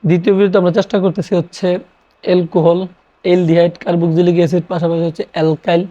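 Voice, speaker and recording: Teacher, mellow tone, classroom lecture, repeats terms and self-answers, slightly dull lo-fi recording. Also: medium pitch, level tone, very fast. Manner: repeats key terms, asks questions and answers them. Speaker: chemistry teacher.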